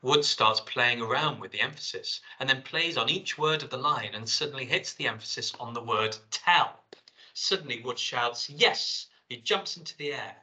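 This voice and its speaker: Bright-voiced man giving a seminar talk. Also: medium pitch, normal speed, rough recording. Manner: reflective, talks through slides and reads field notes aloud. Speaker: lecturer. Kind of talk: online seminar presentation.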